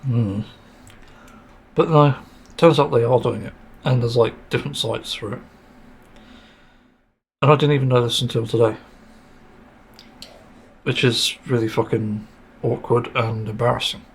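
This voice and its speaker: A man's voice: medium pitch, measured pace, gravelly, pauses often, slightly rough. A man hosting a solo podcast, venting in frustration with sighs, swearing and fillers, his throat getting sore. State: sore throat, mint in mouth. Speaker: podcast host.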